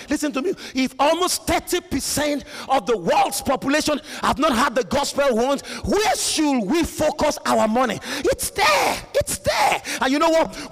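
A Nigerian man preaches a Pentecostal sermon with fervour, often breaking into shouts and urging the crowd to listen. His voice sits very high. It rings out with the long reverb of a big church hall. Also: vocal fry. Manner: fervent, rising to shouts, repeats "listen to me".

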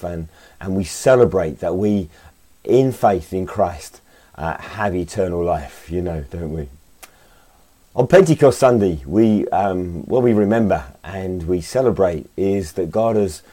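Low, croaky Englishman, mellow and hesitant. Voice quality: croaky, slightly hoarse. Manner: hesitant and conversational, often adding tag questions. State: croaky voice from a cold. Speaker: pastor leading an online Sunday service. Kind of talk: informal sermon and worship welcome.

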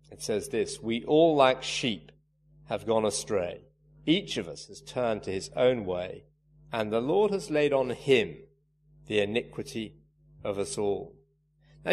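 A man preaching a sermon, earnest and emphatic, leaning hard on key words. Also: mid-range voice. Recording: reverberant hall, faint hum.

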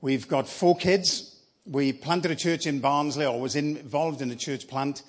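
A man in his fifties with a South Welsh accent, giving a sermon live in church as a guest preacher, telling his story with lively enthusiasm. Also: fairly high pitch, unhurried, breathy edge. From South Wales. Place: church sanctuary.

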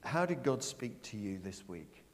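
A middle-aged man preaching a sermon, asking his congregation questions and stressing his words slowly. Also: fairly low pitch. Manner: lively, questioning the congregation, slow emphatic phrasing. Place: church. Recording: long church reverb.

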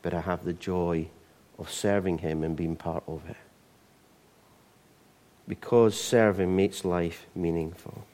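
A man's voice: sits low, steady tone, slow, darkish tone. A middle-aged Scottish man preaching a sermon in a conversational way, often restarting and repeating words as he goes. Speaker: pastor.

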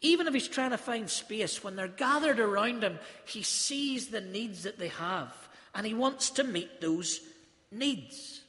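A man's voice: high voice, expressive, a little slow, sharp tone, long reverb tail. A man from South Africa preaching a sermon in a church, earnest and emphatic as he tells stories. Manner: earnest, storytelling, emphatic phrasing.

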